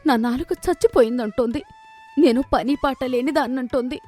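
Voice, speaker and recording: A woman voicing a quarrelsome, self-pitying old village mother-in-law in a cartoon, scolding loudly. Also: high-pitched, normal speed, soft background music. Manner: loud, scolding, complaining. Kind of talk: cartoon voice acting.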